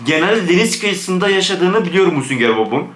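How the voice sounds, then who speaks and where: A man commentating a Minecraft let's play, jumpy and excitable, dropping to hushed, scared whispers. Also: high-pitched, brisk, roomy sound, slight background noise. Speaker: gaming YouTuber.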